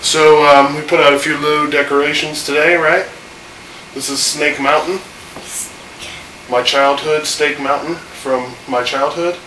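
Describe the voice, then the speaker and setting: Nursing a cold that leaves his voice slightly off, this thirty-something man chats loosely through a home video, full of fillers and tangents. His voice sits on the high side, steady, unhurried, bright and forceful. He is far from the set-back mic, and the echoey room carries an AC hum.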